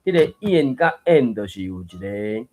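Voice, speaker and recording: A man's voice: lowish voice, very animated, normal speed, darkish tone. A man with a Taiwanese accent hosting a book reading group, explaining pronunciation in a chatty, digressive way and thinking aloud. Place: online reading room.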